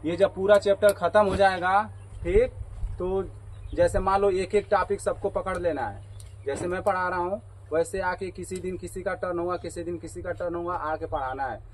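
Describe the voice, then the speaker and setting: Male teacher with a high voice, question-and-answer math lesson, faint hiss behind. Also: fairly even intonation, normal speed, low-quality recording. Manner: asks the class questions and repeats their answers. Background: students answering in chorus.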